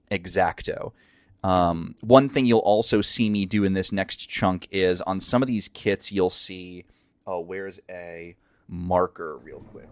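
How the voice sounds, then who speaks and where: A man with a low, scratchy voice hosts a casual crafting tutorial from his craft room at home. He talks with rambling enthusiasm and lots of fillers. The sound is close and dry. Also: no room sound. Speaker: crafting channel host.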